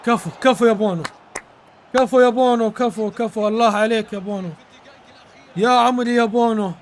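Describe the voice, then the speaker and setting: A man's voice: extremely high pitch, a little fast, a little hiss or hum. A man streaming a football video game, commentating live, exclaiming in bursts, repeating words and thanking his viewers. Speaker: gaming streamer.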